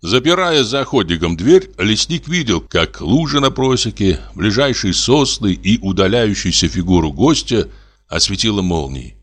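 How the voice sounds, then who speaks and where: A man's voice: on the low side, very animated, normal speed, a bit bright. A man narrating a classic story as an audiobook, telling it expressively. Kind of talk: literary narration.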